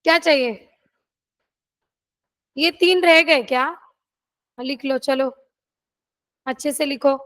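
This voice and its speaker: A woman's voice: sits high, slow, pauses often, fairly bright tone. A woman law teacher, dictating notes in a classroom and checking that students have written them down.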